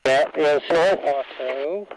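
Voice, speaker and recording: Calm man giving terse cockpit orders. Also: on the high side, slow. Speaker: spacecraft commander. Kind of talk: crew intercom talk. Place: spacecraft cockpit. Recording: crackly radio with hiss.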